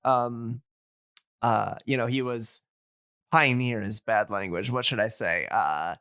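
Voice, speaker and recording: In a studio-quality recording with no echo, a podcast host speaks slowly in a medium-pitched, slightly bright voice. He explains things enthusiastically in casual chat, rambling as he searches for the right words.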